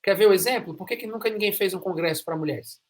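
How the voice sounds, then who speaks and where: A high-voiced Brazilian man talks at a quick pace while hosting an interview podcast. Eager and emphatic, he keeps repeating phrases to underline them.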